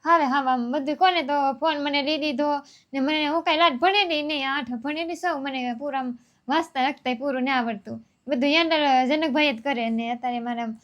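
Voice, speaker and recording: A woman's voice: high-pitched, moderate pace, fairly bright tone. A young woman, telling her family's story in a rambling, homely way. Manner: rambling, homely, repeats herself. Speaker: vlogger. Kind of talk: casual storytelling.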